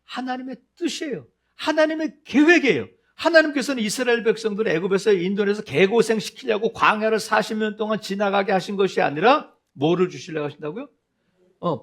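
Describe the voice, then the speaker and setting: Male pastor, sermon delivery, high voice with big swings in pitch, chatty and story-driven. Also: lively intonation, brisk, fairly bright tone. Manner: conversational storytelling, acts out quoted voices; rhetorical questions to the congregation.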